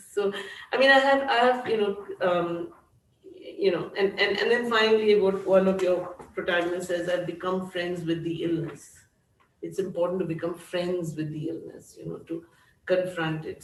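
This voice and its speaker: A woman hosting a seminar discussion, asking a rambling, effusive, hedging question. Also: medium pitch. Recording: echoey room, distant mic.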